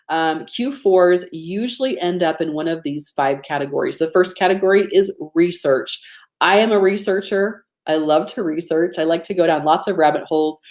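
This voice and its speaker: Low-pitched woman with a Georgia accent, teaching casually. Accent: Georgia, US Southern. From Georgia, United States. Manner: chatty, self-deprecating, often checks in with listeners. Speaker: host of a live online productivity training. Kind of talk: informal webinar teaching with audience interaction.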